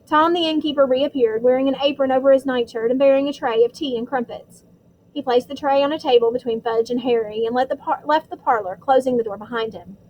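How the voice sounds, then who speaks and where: Woman reading an audiobook, high voice, steady storytelling, faint hiss. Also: brisk, low-quality recording. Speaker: audiobook reader. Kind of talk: audiobook narration.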